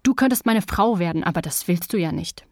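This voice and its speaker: A woman's voice: lowish voice, lively intonation, a little fast, a little mellow, no room sound, clean studio sound, close to an everyday voice. A woman voicing a jealous, sulky young male apprentice who grumbles and mocks. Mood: scornful. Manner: grumbling, scornful.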